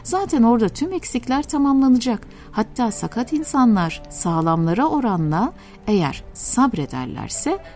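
A woman voicing a kind, generous male shoemaker in a storybook reading, gentle and playfully bargaining. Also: on the high side, sing-song, moderate pace, soft background music.

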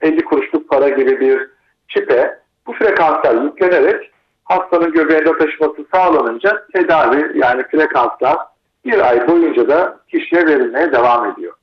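Man on an echoey phone line. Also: fairly high pitch. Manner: measured, explanatory, frequent hesitation fillers. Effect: echoey voice over the phone line. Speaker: doctor, phone-in guest. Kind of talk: explaining a treatment on a radio call. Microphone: phone with earphones.

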